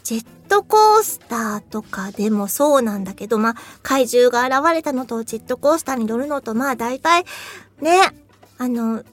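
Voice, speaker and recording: A woman's voice: fairly high pitch, animated, moderate pace, faint music behind. A voice actress chatting casually on her own show, laughing easily and now and then acting out a scream. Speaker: voice actress hosting a talk show. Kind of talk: casual solo chat.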